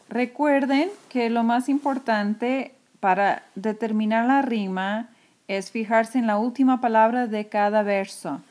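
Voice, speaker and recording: Woman teacher, slightly high voice, unhurried, patient, screencast lesson. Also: darkish tone. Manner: patient, explanatory, repeats terms slowly.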